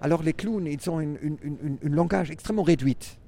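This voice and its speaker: Man, German accent, mellow voice, circus artist musing aloud in interview. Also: a little high. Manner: halting, many restarts, reflective. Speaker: circus performer and clown. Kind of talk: interview answers.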